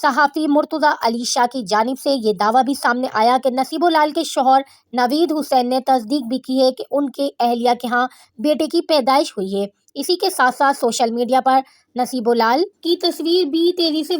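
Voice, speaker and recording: High-voiced woman reading showbiz news. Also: no room sound, studio quality. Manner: critical, opinionated. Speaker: showbiz news channel host. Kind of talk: news-style voice-over with commentary.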